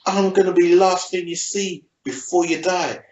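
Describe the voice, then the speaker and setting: A man with a South London accent voicing a smug, menacing queen who brags in a slangy, quick mock-voice. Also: sits high, steady tone, darkish tone, roomy sound, highs cut off, lightly acted. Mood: gloating. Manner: casual slangy mock-voice, quick bragging rhythm. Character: gloating cruel queen, woman, smug and menacing.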